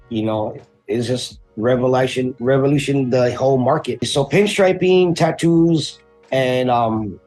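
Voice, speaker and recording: A relaxed man from Hawaii tells his life story as an interview guest, talking loosely and casually with plenty of "uh" and "dude." His voice sits at an ordinary middle pitch for a man. Soft music plays faintly in the background. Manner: laid-back and slangy, drifting through stories with many fillers. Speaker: guest, custom painter and tattoo artist.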